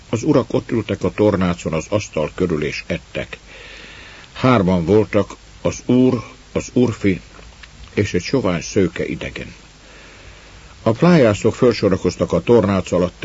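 Low husky male audiobook narrator. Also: darkish tone, highs cut off.

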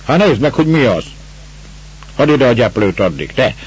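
A man doing a gruff, impatient landowner. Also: medium pitch, big pitch swings, voice pushed up. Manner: barking, scolding orders. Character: gruff older male landowner, impatient, blunt. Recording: dull lo-fi recording, faint hiss.

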